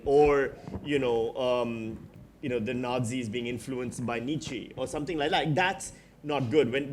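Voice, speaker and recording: A man's voice: mid-range voice, slight background noise. A man in his forties from Pakistan, speaking as a panelist at a live festival discussion, reflective and frank with dry asides. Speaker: panelist, writer and comedian. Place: festival stage before an audience.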